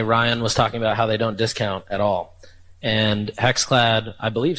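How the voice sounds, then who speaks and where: Brief: male interviewer, deeper voice, casual probing questions, light background ambience. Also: a bit bright, slight background noise, poor audio. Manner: quick questions with fillers and restarts. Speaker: podcast host.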